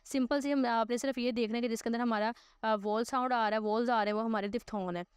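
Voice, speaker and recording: Patient woman teacher, clear voice. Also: on the high side, fairly even intonation, fast, no echo, studio quality. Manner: patient, repeats "ठीक है" to check understanding; mixes Hindi-Urdu with English terms. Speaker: English teacher. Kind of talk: recorded online class explanation.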